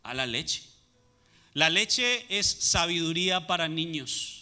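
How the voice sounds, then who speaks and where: A man's voice: on the high side, animated, takes it slowly, bright, forceful tone, soft background music. A man preaching a sermon as pastor, asking the congregation rhetorical questions and answering them. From Latin America.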